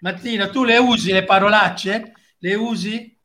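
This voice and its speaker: A man's voice: high voice, a little slow, pushed and bright. A man hosting a casual live talk show, teasing and prodding his guests.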